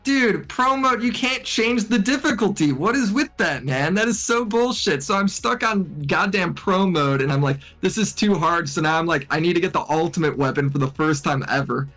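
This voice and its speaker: A man's voice: high voice, animated, normal speed, few pauses, fairly bright tone. A young man hosting a casual chat show, laid-back and blunt, with a lot of profanity. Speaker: radio show host.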